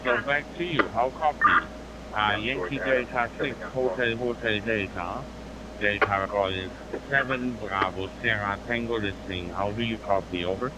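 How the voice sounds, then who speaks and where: A German-accented man speaks in a fairly low voice over a two-way radio with clear noise. He chats as a ham operator, pausing as he goes and spelling call signs phonetically. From northwest Germany. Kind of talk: ham radio contact chat. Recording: noisy digital handheld radio transmission.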